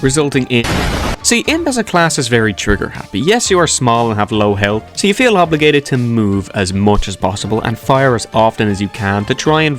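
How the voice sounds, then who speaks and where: A man giving scripted commentary ranking video game characters, casual with jokey asides to the viewer. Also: mid-range voice.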